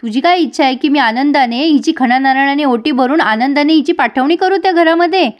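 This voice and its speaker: A woman's voice: sits high, a little fast, lightly acted. A woman voicing an angry, protective middle-aged mother who scolds in an exasperated way.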